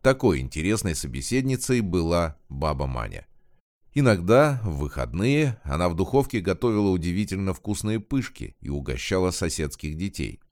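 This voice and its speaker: A man's voice: deep voice, big pitch swings, normal speed, a little mellow, no room sound, clean studio sound. A man giving a scripted narration of a crime story, reading the characters' lines with small shifts in his voice.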